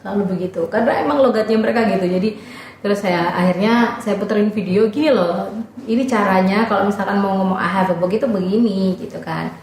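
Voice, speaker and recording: A woman's voice: mid-range voice, quick pace, hardly any pauses, darkish tone. Young woman chatting in an echoey room. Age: young adult. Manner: chatty, many fillers, acts out students' voices. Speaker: interview guest, former volunteer teacher. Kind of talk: casual podcast conversation. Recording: very echoey room with faint noise.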